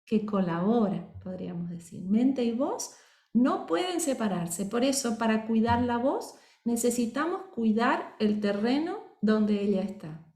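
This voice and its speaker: A woman gives a voice lesson, her voice sitting a little high. She explains step by step and keeps checking that her class is following along. The sound is roomy and reverberant. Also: animated, a little slow, darkish tone. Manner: explanatory, acts out example voices. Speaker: voice teacher. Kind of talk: course lecture.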